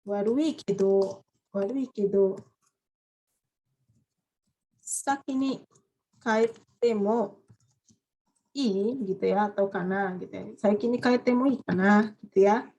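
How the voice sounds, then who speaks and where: A woman teaching a language class online, lively and coaxing students with quick questions. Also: medium pitch.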